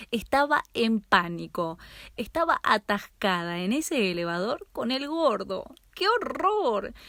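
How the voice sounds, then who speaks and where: A woman's voice: mid-range voice, fairly bright tone, dry recording. Woman narrating a dramatic story, dry sound. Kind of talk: scripted first-person story narration.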